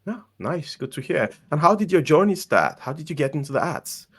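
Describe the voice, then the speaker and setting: A man hosts a casual interview, keeping things moving with short, encouraging prompts. His voice is fairly high and swings up and down. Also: big pitch swings, a little fast, slightly rough. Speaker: interview host.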